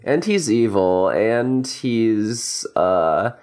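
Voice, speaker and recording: Slow-talking podcast host, halting delivery. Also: mid-range voice, sing-song, a little mellow. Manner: halting, repeats words while recapping. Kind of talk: casual podcast chat.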